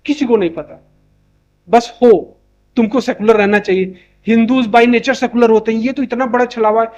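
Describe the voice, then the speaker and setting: A man's voice: very high-pitched, steady tone, moderate pace, a little mellow, highs cut off. A man giving an opinion monologue to camera, insistent and full of rhetorical questions. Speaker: YouTube commentator.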